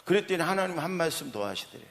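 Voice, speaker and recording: Lively storytelling male pastor, church reverb. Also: fast. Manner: acts out quoted dialogue with lively swings in pitch; conversational, asides to the congregation. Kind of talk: sermon with storytelling. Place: church sanctuary. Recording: long hall reverb of a church.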